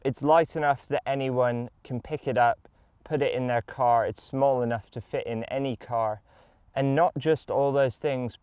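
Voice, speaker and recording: A man's voice: mid-range voice, a little mellow, clear, resonant tone, no echo, lo-fi sound. A man giving an enthusiastic, casual product review while playing a round of golf outdoors. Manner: enthusiastic, upbeat.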